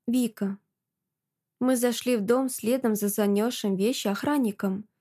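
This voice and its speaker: A woman narrating a novel in first person, with a measured, sardonic delivery. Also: fairly high pitch, fairly even intonation, warm tone. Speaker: audiobook narrator.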